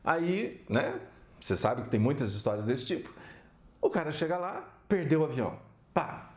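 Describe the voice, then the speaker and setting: A man giving an animated storytelling talk as a counselor, often tagging his lines with "né?". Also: fairly high pitch, normal speed. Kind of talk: storytelling talk with religious examples. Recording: roomy echo.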